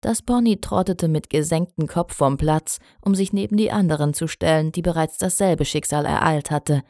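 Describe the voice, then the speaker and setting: A woman reading a German storybook aloud in a calm, even storytelling manner. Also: sits low, normal speed, dry recording, clean studio sound. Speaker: audiobook narrator.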